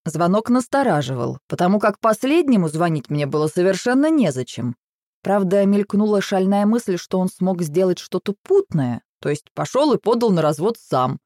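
A woman narrating a first-person story aloud in an expressive, ironic manner. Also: lowish voice, moderate pace, no echo, clean studio sound.

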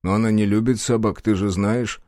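A man voicing a calm, evasive ex-husband in an audiobook, speaking in a soft, mild, placating tone. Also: lowish voice, brisk, no echo, clean studio sound, close to an everyday voice. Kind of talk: audiobook character voice.

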